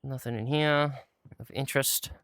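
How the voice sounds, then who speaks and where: A man's voice: mid-range voice, fairly even intonation, normal speed, fairly bright tone. A man giving laid-back, casual commentary as he plays a game and talks himself through it. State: out of breath at times. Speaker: gaming channel host.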